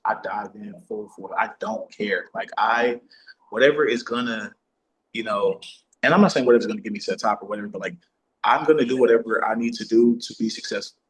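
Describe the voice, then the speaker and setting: A man with a lowish voice, heard in poor audio, chats casually as an actor being interviewed. His phrasing is slangy, sweary and heavy on bro talk.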